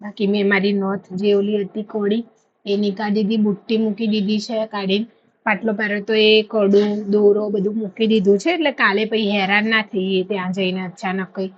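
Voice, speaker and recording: A woman's voice: mid-range voice, normal speed, muffled recording. A woman, chatting casually to camera in a storytelling way. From India. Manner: chatty storytelling, animated when retelling. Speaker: vlogger.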